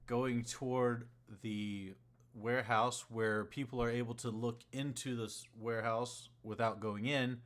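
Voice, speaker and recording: A man narrating a tabletop session as game master. He tells the story in an easygoing way, pausing often on fillers as he recaps for his players. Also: medium pitch, little pitch movement.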